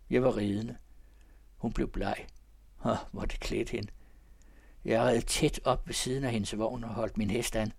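A man's voice: mid-range voice, gravelly, darkish tone, no room sound. A man doing a brooding, restless count. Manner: brooding, confessional. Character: restless haunted nobleman, lovesick count.

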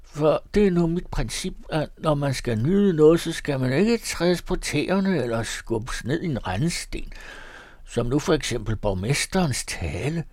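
A man's voice: fairly high pitch, expressive, a little mellow, dry recording, voice pushed up. A man voicing a self-satisfied townsman who chatters smugly about his own good sense. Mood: lecturing.

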